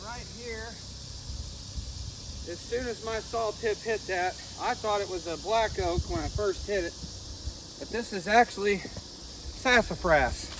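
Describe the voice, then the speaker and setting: A man's voice: high-pitched, slow, long pauses, background noise. Man, casual outdoor vlog, easygoing explainer, farm setting, faint crickets behind. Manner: relaxed, explains as he shows. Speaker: firewood vlogger.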